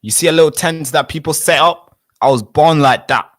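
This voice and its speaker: Young man, twenties, from Tanzania, insistent, slightly high voice, heated debate. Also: a little fast, no room sound. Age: 20s. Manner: insistent, interrupts with repeated "wait, wait". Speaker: interviewee.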